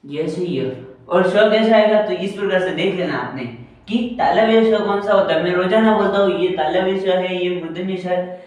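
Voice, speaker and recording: A man's voice: high-pitched, moderate pace. A man teaching a grammar lesson, going over each point again and again and answering his own questions. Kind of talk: Hindi grammar lesson, explaining slowly with repetition. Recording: very echoey room, distant from the mic.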